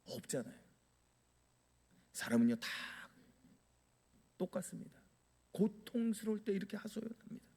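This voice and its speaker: A man's voice: high voice, big pitch swings, normal speed, vocal fry, pauses often, mellow, breathy edge. A male pastor preaching a sermon, asking the congregation rhetorical questions and dramatically acting out prayers. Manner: dramatic, acts out quoted prayers.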